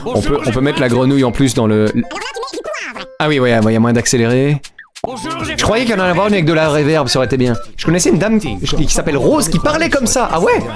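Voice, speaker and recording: A man chatting casually on stream, playful and quick to laugh as he tries out silly voices. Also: fairly high pitch, big pitch swings, over music. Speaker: streamer doing voice impressions.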